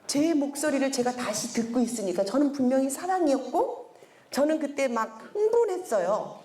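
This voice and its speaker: Animated high-voiced woman lecturing. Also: normal speed. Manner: animated, acts out quoted scolding in a sharp voice. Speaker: seminar lecturer, head of a character-education school. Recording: roomy echo.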